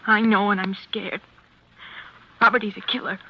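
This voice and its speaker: A woman's voice: mid-range voice, little pitch movement, moderate pace, natural voice. An actress playing an anxious young switchboard operator with an American accent, in 1940s radio style. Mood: frightened, confiding. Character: anxious, confiding young female office operator. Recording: muffled, faintly noisy vintage radio recording.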